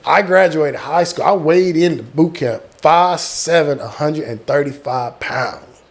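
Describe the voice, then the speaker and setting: A man's voice: fairly high pitch, measured pace. Middle aged guy w just telling his stories, acts out the quotes, repeats words for punch. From small-town Texas, United States. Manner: animated retelling, acting out quotes, repeating words for emphasis. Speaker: guest, military veteran. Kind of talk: casual personal storytelling.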